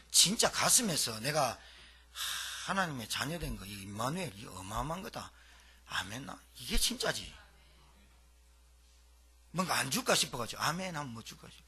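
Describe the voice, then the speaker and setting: A middle-aged male pastor preaching a sermon, asking rhetorical questions and swinging between loud emphatic lines and quiet ones. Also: medium pitch, breathy edge.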